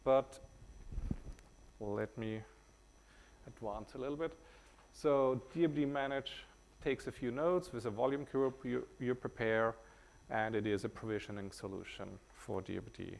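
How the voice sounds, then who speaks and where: An Austrian man with a German accent gives a technical conference talk, hesitating and restarting often as he goes. His voice is mid-range, steady, gravelly, and somewhat dark in tone.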